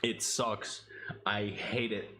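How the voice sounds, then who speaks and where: A man's voice: on the low side, fairly even intonation, slow pace, sharp tone, slight background noise. A man in his late twenties chatting casually and profanely while playing a game, rambling between rounds. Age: 20s. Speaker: streamer. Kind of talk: casual chat while gaming.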